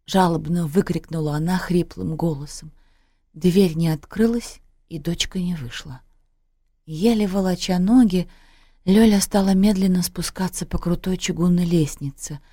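A woman reading a literary story aloud in a measured, expressive way. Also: deep voice, dry recording, studio quality. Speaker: audiobook narrator.

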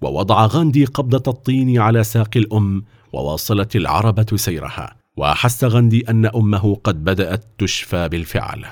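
A man narrating a children's story about famous people's childhoods in an expressive, dramatic way. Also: on the low side, a little fast, dry recording, studio quality.

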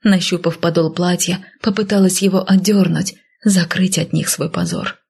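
Husky, gravelly woman narrating an audiobook. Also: fairly low pitch, fairly even intonation, normal speed, a little mellow. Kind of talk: first-person audiobook narration.

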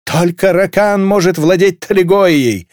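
A man's voice: a little high, animated, fairly quick, no echo, clean studio sound, close to an everyday voice. A man voicing a pompous, fawning male courtier in an audiobook. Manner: pompous, declamatory.

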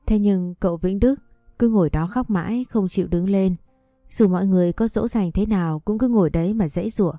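A woman calmly narrating a story in the first person. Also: medium pitch, brisk, no echo, studio quality, soft background music.

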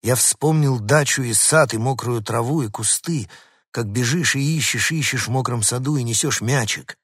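A man narrating a storybook aloud in the first person, lively and expressive. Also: medium pitch, moderate pace, breathy edge, dry recording, clean studio sound. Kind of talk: audiobook storytelling as the dog.

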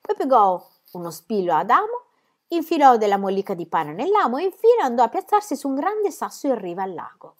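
A woman reading a children's book aloud in an expressive storytelling way. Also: fairly high pitch, fairly quick. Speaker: reader.

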